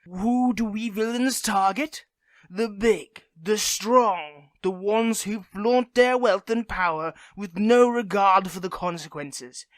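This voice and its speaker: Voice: medium pitch, slow, dry recording, lightly acted. A performer acting a theatrical supervillain in an audio role-play, with a pompous, gloating, mustache-twirling manner. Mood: scornful, booming. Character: theatrical supervillain delivering a grandiose, gloating monologue.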